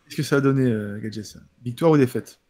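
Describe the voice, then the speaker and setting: Male, quick casual livestream talker, slight lisp with sh-like s, slangy sports chat with repeated words. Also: mid-range voice, a little mellow, no echo. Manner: slight lisp, slushy sh-like s sounds. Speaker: professional MMA fighter answering viewer questions.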